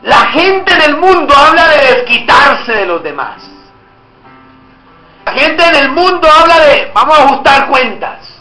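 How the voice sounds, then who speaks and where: A man's voice: extremely high pitch, big pitch swings, measured pace, sharp tone. A man preaching a sermon as pastor, acting out back-and-forth dialogues with God. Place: church hall. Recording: echoey church hall with faint music.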